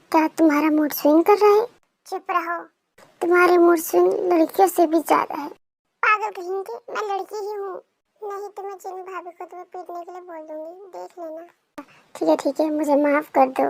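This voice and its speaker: A stubborn, playful young husband who pleads and argues loudly, as a woman reader puts him on. The voice sits very high with a gravelly rasp, in a storybook reading. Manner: loud, whiny pleading.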